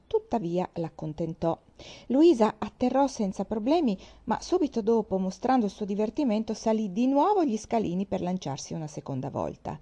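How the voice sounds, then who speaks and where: A woman narrating a classic novel aloud as an audiobook reader, measured and expressive. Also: medium pitch. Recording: dull lo-fi recording.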